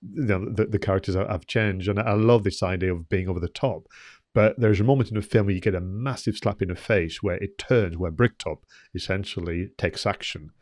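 Low-voiced man in casual film chat. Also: brisk, a little mellow, dry recording, studio quality. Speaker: podcast co-host.

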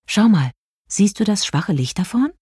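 A woman voicing a curious, kind young fairy princess in a children's story, in a lively, slightly raised voice. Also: medium pitch, moderate pace, slightly rough, no room sound, studio quality, voice pushed up. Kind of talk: audiobook character voice.

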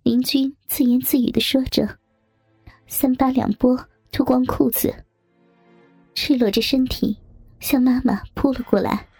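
A woman reading a scripted audio story in a soft, half-whispered way. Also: high voice, steady tone, measured pace, long pauses, husky, no room sound, soft background music. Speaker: narrator.

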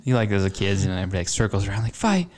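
Lower-voiced man joking casually. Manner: relaxed, joking, chimes in with quick quips. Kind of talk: casual chat.

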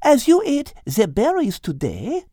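A woman's voice: fairly high pitch, wildly swooping pitch, a little slow, warm tone, husky, no echo, studio quality, voice pushed up, heavily acted. A woman putting on a perky French teacher. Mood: enthusiastic. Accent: French, put on. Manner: encouraging, sprinkles French words. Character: cheerful French-accented female teacher.

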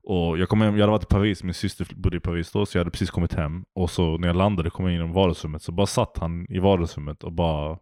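Podcast co-host, male, low voice, dry close mic, laid-back storyteller. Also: fairly even intonation, few pauses, a little mellow, dry recording. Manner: laid-back, rambling, laughs often. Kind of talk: casual chat, storytelling.

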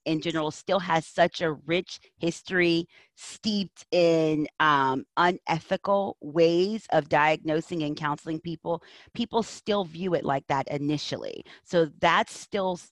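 A woman with a deep voice appears as an interview guest, a counselor and educator offering earnest, emphatic advice through reflective answers. There's no echo.

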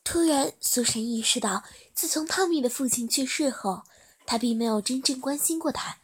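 A woman narrating a story in a soft, steady reading voice. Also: sits high, normal speed, slightly rough.

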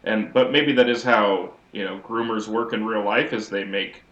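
A man's voice: on the low side, fairly even intonation, moderate pace, fairly bright tone, dull audio. Man with echoey audio, casual recap. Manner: wry, rambling commentary. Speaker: podcast co-host.

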